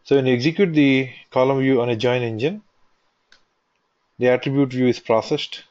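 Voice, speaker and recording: A man's voice: medium pitch, a little mellow. Repetitive man in a dull lo-fi tutorial. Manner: repetitive, restates each point step by step. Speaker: software tutorial instructor. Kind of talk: screen-recorded technical walkthrough. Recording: dull lo-fi voice recording.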